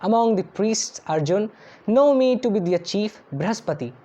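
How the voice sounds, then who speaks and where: एक महिला जो धार्मिक श्लोकों को गाकर पढ़ती है और फिर उनका अर्थ शांत, नपे-तुले ढंग से पढ़कर सुनाती है।. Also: female voice, medium pitch, expressive, drawn-out words, mellow. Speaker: scripture reciter and translator. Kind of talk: chanted verse recitation with read translation. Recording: dull lo-fi recording over faint instrumental music.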